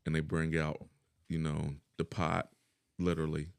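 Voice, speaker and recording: A man's voice: a bass voice, monotone, normal speed, vocal fry, clean tone, dry recording, studio quality. A middle-aged man chatting casually as a podcast guest, laid-back and profane, laughing often.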